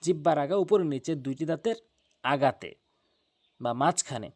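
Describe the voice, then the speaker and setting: A man's voice: a little high, expressive, moderate pace, darkish tone. A man teaching Arabic letter pronunciation for Quran recitation, drawing out each letter sound and repeating every step patiently. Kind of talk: slow instructional pronunciation lesson.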